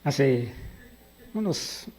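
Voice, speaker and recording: This middle-aged man from Peru gives an animated sermon, questioning his congregation, supplying the answers, and telling stories from his life. His mid-range voice is husky and very slow.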